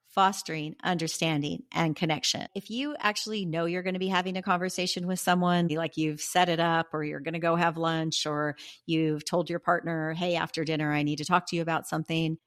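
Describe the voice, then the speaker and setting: A woman hosting a self-help podcast, coaching listeners warmly and repeating affirmations slowly and deliberately. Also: sits low. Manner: reads prompts and affirmations twice, slow and deliberate; warm encouraging coaching tone, bursts of sassy emphasis. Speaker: podcast host.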